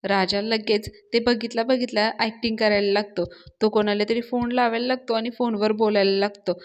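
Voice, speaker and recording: Woman, serial recap narration, brisk storytelling, fairly high voice. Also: little pitch movement. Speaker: serial reviewer.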